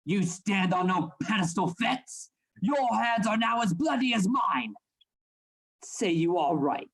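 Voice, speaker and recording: Acting live in a Victorian horror radio play, a man plays a domineering, scheming anatomy assistant who issues formal, theatrical commands. His rough, husky voice swings widely in pitch. The heavily acted delivery sounds angry and threatening.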